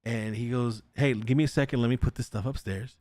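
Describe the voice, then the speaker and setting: A man's voice: mid-range voice, a little fast, no room sound, clean studio sound. A young man hosting a podcast, telling a ghost story casually, swearing often and acting out the voices of the people in it. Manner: animated, swears often, acts out quotes. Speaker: podcast host.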